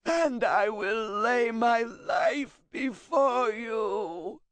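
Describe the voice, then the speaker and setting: A man voicing a terrified, cornered male scribe who rasps and pleads in a frantic, near-shouting voice. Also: extremely high pitch, slow pace, no echo, pitched above the performer's own voice, full character voice. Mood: panicked. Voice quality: raspy.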